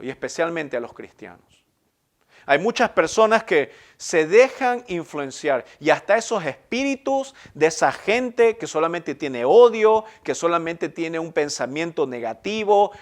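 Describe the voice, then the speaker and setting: A middle-aged man preaching a sermon, his voice sitting somewhat high for a man. He pushes key phrases up with sudden emphasis, then lets the ends of his lines drop away quietly, in an earnest pulpit manner. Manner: earnest, emphatic preaching with rising bursts and soft trailing ends. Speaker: pastor.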